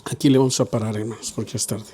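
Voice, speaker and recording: A man's voice: mid-range voice, fairly even intonation, very fast, warm tone. A middle-aged man, a pastor leading a Bible study, telling stories and acting out the dialogue conversationally. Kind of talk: Bible study sermon with storytelling.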